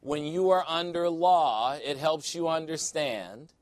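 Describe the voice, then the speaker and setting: A man's voice: fairly high pitch, expressive, slow pace, no echo. A male pastor preaching a sermon in a church, joking and conversational with sudden emphatic swings.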